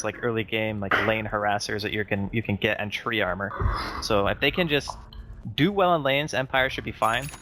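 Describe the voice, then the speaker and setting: A man's voice: mid-range voice, bright, forceful tone, a little hiss or hum. A man commentating a live esports match, chatty and analytical, breaking down picks and lanes.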